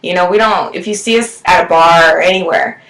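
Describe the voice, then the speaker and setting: Loud, bright young woman in a roomy recording. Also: lowish voice, a little fast. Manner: loud, candid, laughs often. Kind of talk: casual chat. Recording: roomy echo.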